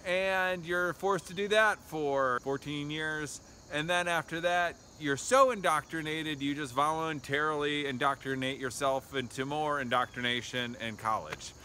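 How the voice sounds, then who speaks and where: An agitated man rants in a bright, forceful voice, rambling from point to point and filling gaps with "like." Faint traffic hums quietly behind him. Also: a little high, measured pace, few pauses. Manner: agitated, rambling, heavy use of "like". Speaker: vlogger. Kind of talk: heated rambling monologue.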